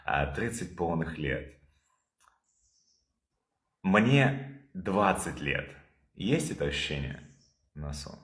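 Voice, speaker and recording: Man, very low voice, calm therapist, echoey room, video call. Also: slow pace, long pauses. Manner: calm, probing, repeats questions. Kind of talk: guided therapy session.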